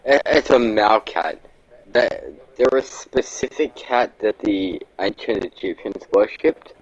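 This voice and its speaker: A man with a very deep voice drawls slowly, crude and joking. His call line sounds dull and dry, like a weak connection. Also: animated. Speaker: caller on stream. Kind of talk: casual chat.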